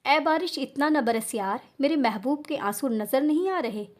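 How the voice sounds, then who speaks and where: A woman's voice: high-pitched, lively intonation, normal speed. A woman voicing a cruel, mocking husband. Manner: taunting, falsely tender, flares into shouting. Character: cruel, mocking young husband who enjoys her pain.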